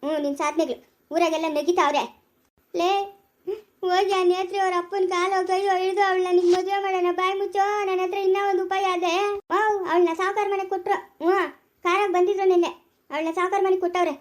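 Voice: very high voice, flat delivery, quick pace. A performer in a homemade rural family drama, quarrelling, scolding and wailing in turn. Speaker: actor in family skit.

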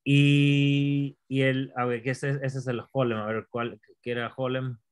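A man's voice: mid-range voice, little pitch movement, clean tone. A man teaching Hebrew pronunciation step by step, repeating words and quizzing his learner. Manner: slow, repeats words, asks the learner questions. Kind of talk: patient classroom explanation.

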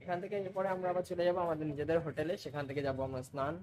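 A chatty man vlogging on a trip, speaking to his viewers as friends in a voice that sits a little high. He slips English words in and out of his talk, with a faint ambient hiss behind him. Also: very fast, darkish tone, reverberant. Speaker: travel vlogger. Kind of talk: casual travel vlog to camera.

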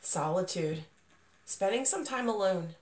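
She's a tarot reader hosting her own channel, offering a relaxed, unplanned reading while addressing the listener with reassurance, her voice not yet at full strength after an illness. The delivery is animated and a little slow at a medium pitch. She's indoors at a table in a small, dim room, recorded with roomy echo from a distant mic.

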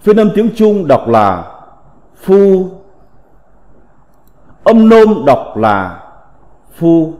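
A man teaching a slow recited vocabulary lesson, reading in a deliberate, measured way with drawn-out syllables. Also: a little high, very animated, mellow. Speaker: teacher of classical characters. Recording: long reverb.

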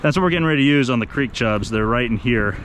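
A man's voice: medium pitch, a bit bright, slight background noise. Upbeat man vlogging by a river. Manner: upbeat, chatty, addresses viewers as guys. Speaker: fishing vlogger. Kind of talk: casual vlog narration to camera. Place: outdoors on a riverbank. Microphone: action camera held at arm's length. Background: rushing river water.

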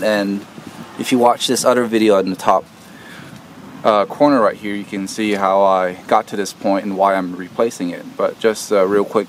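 Low-voiced man explaining a repair. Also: a little hiss or hum. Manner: hesitant, many "uh" and "um" fillers, explains step by step while working. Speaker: DIY video host. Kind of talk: casual how-to explanation. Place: outdoors at an air conditioner unit.

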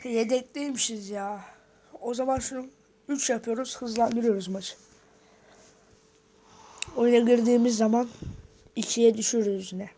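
A woman's voice: a little high, fairly even intonation, normal speed, pauses often, warm tone. A woman giving casual gameplay commentary, talking to viewers and muttering reactions as she plays. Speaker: gaming video host.

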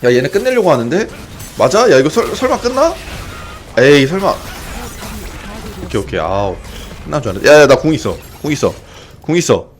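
Excitable young man shouting game commentary. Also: a little high, a little fast, long pauses, faint music behind. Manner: excitable, shouts and yells during fights, swears casually. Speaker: game streamer. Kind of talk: excited live gameplay commentary.

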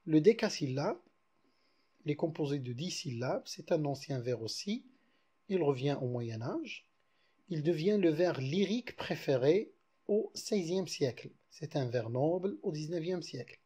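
A male teacher with a Moroccan accent lectures on French verse, moving between French and Moroccan Arabic. His voice sits a little high but sounds mellow and husky. He slows down to count out verses one syllable at a time. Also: animated. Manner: explains slowly, then spells out verses syllable by syllable.

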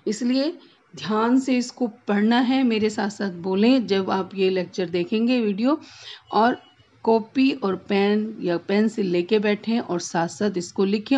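A woman teaches a children's language lesson, saying each word twice and stretching it out for emphasis. She speaks at a slow, patient pace. The recording sounds somewhat dull and lo-fi. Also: mid-range voice, mellow. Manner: drawn-out, emphatic word repetition.

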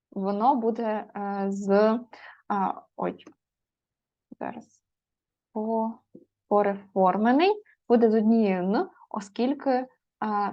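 A woman teacher explaining spelling rules to students, patient and methodical, pausing on fillers and spelling out letters. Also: medium pitch, a little mellow. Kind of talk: spoken grammar lesson. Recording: slightly dull lo-fi audio.

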